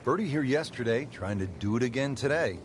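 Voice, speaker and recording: A man's voice: medium pitch, animated, fairly quick. A man giving play-by-play golf commentary as a broadcast announcer. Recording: music and crowd noise behind.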